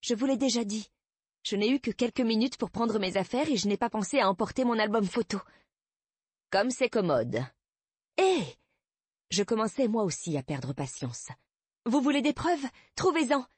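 Husky-voiced woman narrating an audiobook. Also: medium pitch, expressive, moderate pace, dry recording. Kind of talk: first-person audiobook narration.

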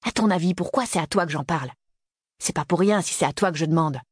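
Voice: mid-range voice, fast, breathy edge, no room sound, studio quality, natural voice. A reader voicing a young male university student in an audiobook, who argues and pleads insistently. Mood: pleading. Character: young man, restless university student son. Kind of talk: audiobook character reading.

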